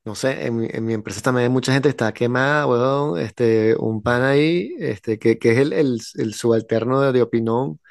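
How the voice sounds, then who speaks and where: A man's voice: mid-range voice, moderate pace, gravelly, few pauses, no room sound, studio quality. A young man venting in casual chat, rambling and full of slang.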